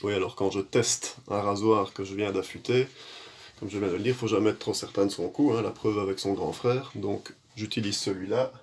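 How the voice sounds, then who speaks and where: A man giving relaxed, rambling commentary while demonstrating a shave, with many fillers and self-mocking asides. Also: fairly low pitch, moderate pace, slight background noise. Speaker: shaving vlogger. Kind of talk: casual how-to commentary.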